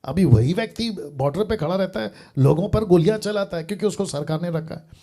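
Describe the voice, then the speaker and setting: A man's voice: high-pitched, brisk, dark tone. A man preacher talking with a caller on a live show, reasoning earnestly through everyday examples and often adding "sir". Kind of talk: live call-in Q&A.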